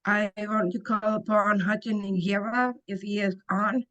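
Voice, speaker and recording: Slow, careful woman hosting a webinar. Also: mid-range voice, fairly even intonation, fairly bright tone, lo-fi sound. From Ontario, Canada. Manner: slow and careful, with small restarts. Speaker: webinar host, council member. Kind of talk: reading a prepared webinar introduction. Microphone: video call.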